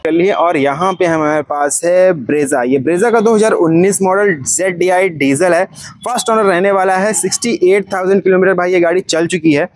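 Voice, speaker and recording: A man's voice: high voice, steady tone, moderate pace, dry recording. A young man vlogging casually from an outdoor used car lot, chatty and friendly, calling the viewer brother and mixing English words into his talk. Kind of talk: casual walkaround commentary.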